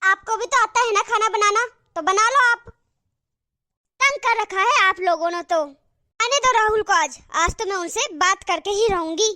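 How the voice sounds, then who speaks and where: A woman's voice: very high voice, normal speed, pushed and bright. A woman voicing a defiant young daughter-in-law. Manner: sulky, defiant. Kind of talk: cartoon voice acting.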